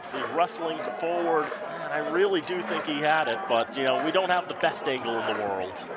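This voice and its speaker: Male football play-by-play announcer for excited touchdown calls, slightly high voice, loud crowd and stadium noise. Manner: excited, drawn-out touchdown call. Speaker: play-by-play commentator. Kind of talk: live American football commentary. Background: crowd and loud outdoor ambient noise.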